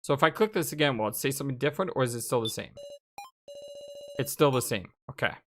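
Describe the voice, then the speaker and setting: Over faint background music, a woman with a deep, bass voice hosts a let's play, reading visual novel lines aloud and commenting on the game. She talks quickly and casually, with lively, expressive intonation.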